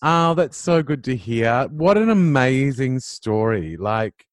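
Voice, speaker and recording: A man's voice: mid-range voice, animated, slow pace, no echo, clean studio sound. A man hosting an interview podcast, introducing his guest and responding to her with effusive, affirming remarks. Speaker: podcast host.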